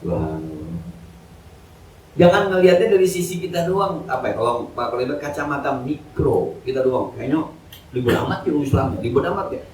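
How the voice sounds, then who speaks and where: A man's voice: medium pitch, lively intonation, normal speed, a little mellow, slight background noise. A man giving a casual, joking evening sermon at a mosque, full of colloquial street slang. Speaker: ustadz giving an Islamic study lecture. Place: mosque hall. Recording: echoey hall, mic from a distance.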